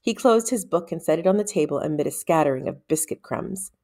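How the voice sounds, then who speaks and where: This is a woman with a somewhat deep voice narrating a work of fiction. She shapes each phrase with care, so it sounds like someone reading a storybook.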